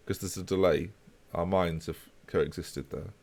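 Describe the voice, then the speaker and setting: A man with a low, creaky voice speaks a little slowly while chatting casually with his live-stream viewers. He's playing a football management game, relaxed and talkative as he responds to chat.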